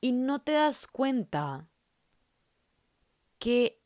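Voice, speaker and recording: A woman's voice: a little high, sing-song, extremely slow, a little mellow, no echo, studio quality. A young woman, hosting a casual self-help podcast in a slangy, chatty way full of fillers. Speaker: podcast host.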